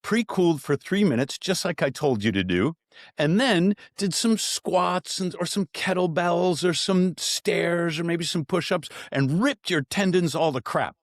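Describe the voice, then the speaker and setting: Man, podcast guest, animated storyteller, lively pitch, acts out quotes, dry close mic. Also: a little slow, dry recording. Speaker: ice bath company founder and guest. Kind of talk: podcast interview.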